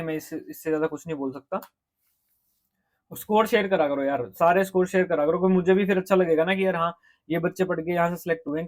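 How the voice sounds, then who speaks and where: A fast, rapid-fire man, speaking as a coaching teacher. His voice sits a little high for a man. He gives blunt exam advice and keeps checking that his students are following. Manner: direct, repeats "ठीक है?" to check in. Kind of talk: casual advice lecture to students.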